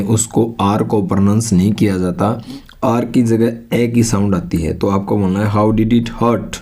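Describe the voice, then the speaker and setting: A man from India giving a spoken English lesson, patiently explaining and repeating each English phrase slowly as a drill. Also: lowish voice, dark tone. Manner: explains patiently with rhetorical questions. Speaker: English teacher.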